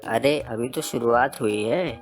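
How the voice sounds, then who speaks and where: A man's voice: medium pitch, unhurried, music in the background, natural voice. A man doing a cheeky freeloading son-in-law.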